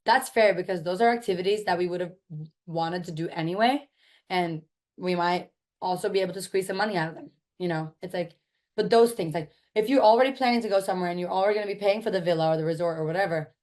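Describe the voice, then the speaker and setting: A woman with a hoarse, raspy, smoker-like voice worn out from talking, teaching a course in an informal, chatty and emphatic way. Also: lowish voice, fast talker, a little mellow. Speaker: course instructor.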